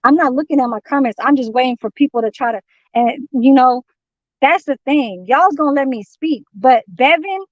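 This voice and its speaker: With a voice that sits high and a normal speaking speed, a woman from San Francisco goes on a heated, rambling livestream rant, swearing constantly and confronting everyone. The recording is dry, dull, lo-fi stream audio.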